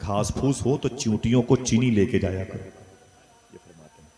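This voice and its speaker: A man's voice: medium pitch, measured pace. A man preaching a sermon, telling a story and calling on the audience to respond. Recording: crowd noise behind.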